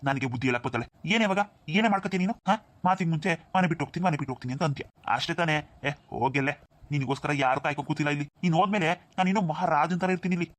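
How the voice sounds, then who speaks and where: Cocky drunk husband in a cartoon played by a man, snaps back brashly, talks super fast. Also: fairly high pitch, fairly bright tone, no room sound, lightly acted. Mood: defiant. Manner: brash, defiant retorts. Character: drunk young husband, defiant and boastful. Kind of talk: cartoon voice acting.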